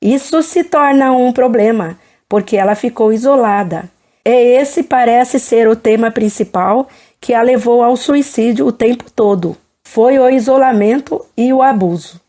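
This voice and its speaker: Mulher de voz escura e calma. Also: female voice, fairly high pitch, unhurried. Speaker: host.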